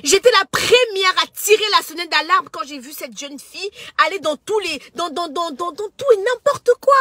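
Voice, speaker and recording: Cameroonian woman in her thirties, high-pitched and sharp, preachy social media rant, dry close sound. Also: expressive, moderate pace, no room sound. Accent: Cameroonian French. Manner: impassioned, preachy, stumbles and repeats words. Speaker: social media personality and entrepreneur. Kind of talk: emotional direct-to-camera social media monologue.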